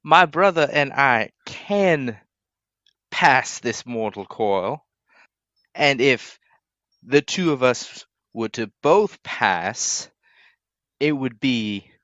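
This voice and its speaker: A man voicing an odd, formal male noble who speaks slowly and stately in a tabletop game. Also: mid-range voice, a bit bright, no room sound, highs cut off. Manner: slow, stately, formal speech.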